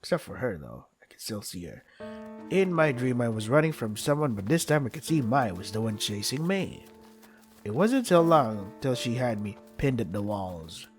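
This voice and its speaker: A man's voice: mid-range voice, very animated, moderate pace. A man reading visual novel text aloud for a playthrough, acting out lines and dropping in casual joking asides. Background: game music.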